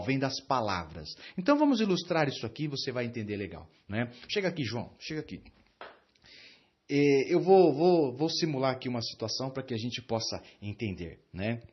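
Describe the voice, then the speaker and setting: A man's voice: fairly high pitch, slightly rough, muffled recording. A man with a Brazilian Portuguese accent preaching a sermon, teaching with many fillers and tag questions.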